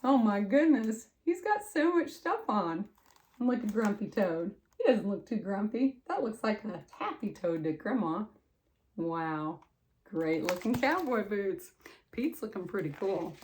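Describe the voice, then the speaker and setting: A woman's voice: medium pitch, a little slow, slight background noise. An older woman, a sweet grandmotherly lady, reading a picture book aloud to children with affectionate, folksy, exclaiming asides. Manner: exclaiming and expressive. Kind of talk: read-aloud storytelling with chatty asides.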